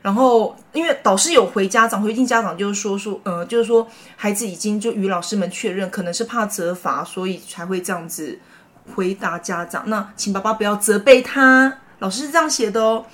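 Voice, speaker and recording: A woman's voice: mid-range voice, a little fast, a bit bright. A middle-aged woman with a Taiwanese Mandarin accent, a teacher and mother co-hosting a chat podcast, telling stories animatedly and laughing often. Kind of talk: casual chat.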